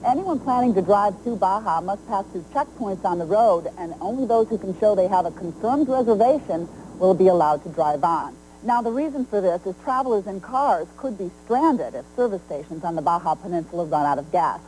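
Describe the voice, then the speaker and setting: A woman's voice: medium pitch, expressive, fairly quick, dark tone, a little hiss or hum, poor audio. A woman with an American accent hosting and reading scripted travel news. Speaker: travel news show host.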